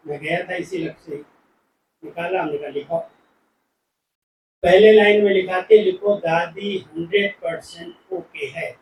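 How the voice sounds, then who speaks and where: A man's voice: high voice, darkish tone, distant mic, slight background noise. Man telling a devotional story, echoey hall. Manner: storytelling, acting out quoted dialogue. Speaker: spiritual speaker. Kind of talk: devotional class talk with anecdotes.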